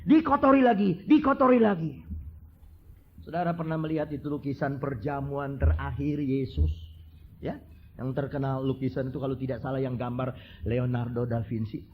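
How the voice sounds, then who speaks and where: A middle-aged man preaching a sermon, moving from hushed storytelling to fervent, repetitive emphasis. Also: mid-range voice, moderate pace, muffled recording, a little hiss or hum.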